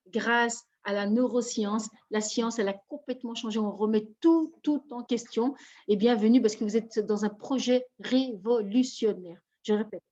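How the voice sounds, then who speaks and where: A woman's voice: on the high side, darkish tone, lo-fi sound. A woman from Belgium giving a live online presentation, effusive, greeting attendees by name. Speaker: network marketing presenter.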